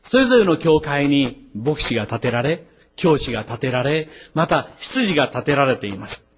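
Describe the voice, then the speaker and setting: Man, pastor, sermon, husky voice, emphatic peaks on key words. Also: fairly high pitch, big pitch swings. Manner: emphatic rises on key words, quick asides.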